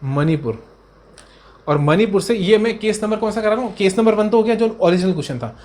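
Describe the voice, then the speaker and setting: A man tutoring accountancy students in a brisk revision lecture. He repeats key points and answers his own questions in a student's voice. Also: high-pitched, expressive, darkish tone. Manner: fond, coaxing tone toward students.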